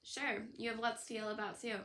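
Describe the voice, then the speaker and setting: A woman's voice: fairly high pitch, little pitch movement, brisk, fairly bright tone, echoey room, slight background noise. A woman voicing a wry teenage boy.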